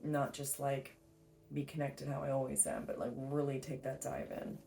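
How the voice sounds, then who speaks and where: A woman's voice: extremely low pitch, little pitch movement, moderate pace, creaky, warm tone, roomy sound, a little hiss or hum. A woman giving a tarot reading in a casual, rambling way, full of fillers and restarts. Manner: rambling, filler-heavy, self-correcting. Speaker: tarot reader. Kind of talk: casual spiritual reading monologue.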